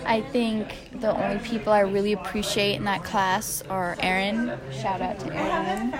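A woman's voice: medium pitch, flat delivery, moderate pace, over music. A woman co-hosting a casual podcast chat at school over lunch, laughing often as she talks. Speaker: co-host. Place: school during lunch break.

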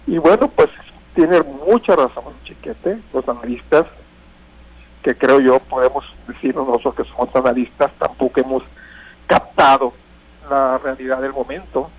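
A man with a gravelly, husky voice and giving emphatic live election commentary, repeating phrases as an analyst. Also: mid-range voice, no echo. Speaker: political analyst on radio. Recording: dull, lo-fi radio sound.

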